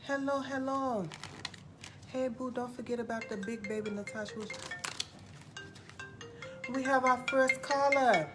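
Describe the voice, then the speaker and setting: A woman playing a sassy, glamorous TV psychic who hosts a live call-in stream in a campy, drawn-out manner. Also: sits high, steady tone, over music. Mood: brassy, attentive. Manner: campy, drawn-out, calls everyone darling. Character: sassy glamorous female TV psychic hotline host. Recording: noisy live stream audio.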